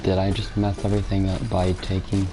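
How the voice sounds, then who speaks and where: A man's voice: low voice, monotone, fairly quick, very noisy. A man doing casual gameplay commentary, thinking aloud to himself as he plays. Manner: self-talk, thinking aloud. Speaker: gamer doing a playthrough. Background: game sounds.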